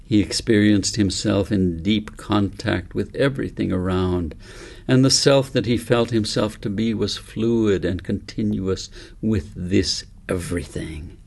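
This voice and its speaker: A man reads his own book aloud as an audiobook narrator, his fairly low voice carrying a very gravelly, creaky edge. He delivers the story gently and deliberately, in a measured storytelling manner.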